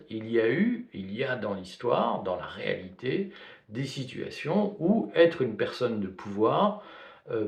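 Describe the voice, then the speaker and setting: A man from Belgium, giving spoken video commentary in a hesitant way, full of fillers and restarts. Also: medium pitch. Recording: roomy echo.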